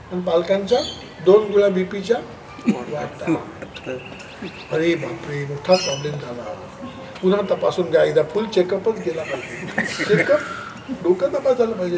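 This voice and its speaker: High-voiced man speaking from a distance. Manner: lively storytelling, acts out parents' and children's voices. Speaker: education speaker. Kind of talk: public talk to parents. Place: school hall. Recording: distant mic with clear background noise.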